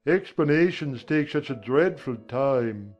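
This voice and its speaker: A man's voice: mid-range voice, animated, measured pace, darkish tone, muffled recording, faint music behind, lightly acted. A man voicing a solemn, impatient male Gryphon who bosses others around, in a dramatized audiobook. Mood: bossy. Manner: blunt, impatient, bossy.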